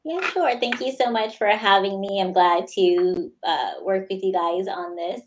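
A woman in her thirties with an American accent, speaking as a guest over a video call in a plain, steady way. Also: mid-range voice, measured pace, background noise. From United States. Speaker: guest, lawyer. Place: small indoor room. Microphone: video call webcam.

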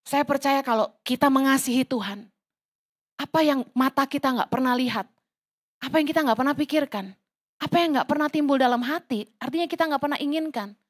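High-pitched woman preacher, chatty teasing sermon. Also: a little fast. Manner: lively, mocks petty prayers in put-on voices. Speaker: pastor. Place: church service, livestreamed.

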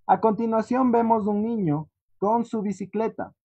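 A teacher patiently walking students through an online lesson, often checking in with a quick "¿sí?". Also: mid-range voice, dark tone, slightly rough. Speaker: English teacher. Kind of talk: online class walkthrough. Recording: dull lo-fi online class audio.

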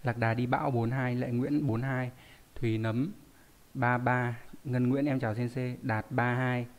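Male teacher, live online class, conversational explaining, asks questions as he goes, mid-pitched voice. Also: flat delivery, measured pace. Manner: reads viewer names and explains readings, asking rhetorical questions. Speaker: Japanese teacher.

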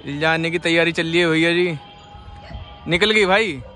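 A young man from India in casual vlog commentary on an outdoor city rooftop, recorded on a handheld phone, excitable and often laughing as he urges a friend on. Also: fairly high pitch, moderate pace, faint music behind. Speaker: vlogger. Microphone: phone camera held by the speaker.

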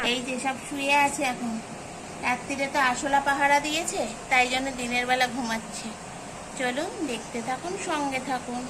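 A woman's voice: sits high, normal speed, very noisy. A woman making a casual pet vlog, cooing and baby-talking to her cats and turning to speak to viewers. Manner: coos and baby-talks to cats, then turns to address viewers. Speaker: pet vlogger.

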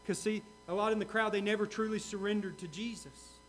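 A male pastor preaching a sermon, earnest, repeating key questions and swinging from loud to hushed. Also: high-pitched, a little fast, soft background music.

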